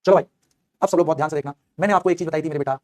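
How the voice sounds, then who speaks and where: Fast-talking, coaxing chemistry teacher man. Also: a little high. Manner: energetic, coaxing, voices students' replies himself. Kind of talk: online lecture.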